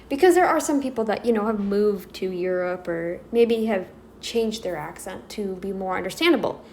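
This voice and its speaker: A woman's voice: mid-range voice, moderate pace, a little mellow, a little hiss or hum. A North American woman rambling through an emphatic opinion commentary, speaking straight to her viewers. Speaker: commentary vlogger.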